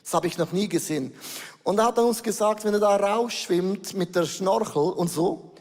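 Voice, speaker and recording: A middle-aged man with a Swiss German accent preaching a sermon, switching between slow emphatic words and rapid bursts. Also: high-pitched, a little mellow, big-room sound. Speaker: pastor. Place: large church hall.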